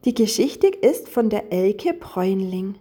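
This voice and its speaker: A woman reading a children's Easter story aloud in a warm, expressive manner. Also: medium pitch, unhurried, slightly rough.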